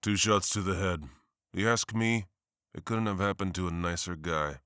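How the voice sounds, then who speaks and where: A man's voice: low voice, normal speed, a bit bright, clean tone, no echo, clean studio sound. An actor playing a hard-bitten, cynical lawman, blunt and wry, in a scripted motion comic.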